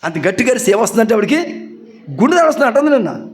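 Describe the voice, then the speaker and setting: A man preaching a sermon as pastor. He asks the congregation questions and answers them with homely examples, and rises to loud, emphatic peaks. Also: very high-pitched, big pitch swings, rapid-fire, soft background music.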